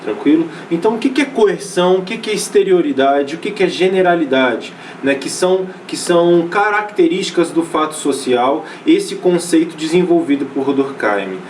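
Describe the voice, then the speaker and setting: A Brazilian man with a Brazilian Portuguese accent teaches a sociology class in a recorded online lecture, keeping things casual with many fillers, restarted phrases and check-ins with students. His voice is a little high and expressive, at a moderate pace with few pauses, recorded far from the mic with slight background noise.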